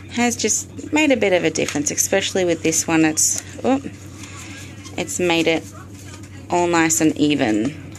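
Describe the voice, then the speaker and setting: Australian woman, lowish voice, chatty DIY vlogger shot on a phone video, faint background hiss. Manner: chatty, explains step by step with frequent ums. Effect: recorded on a phone video. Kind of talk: casual DIY tutorial. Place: bedroom at night. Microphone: phone camera.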